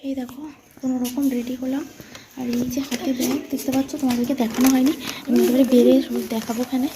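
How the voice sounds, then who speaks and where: A woman's voice: sits high, level tone, fast talker, background noise. A young woman chatting casually to her viewers while vlogging her day at home, with lots of fillers. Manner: chatty, addresses viewers directly, many fillers. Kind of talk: casual vlog narration to viewers. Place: home, indoors. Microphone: phone camera held by the speaker.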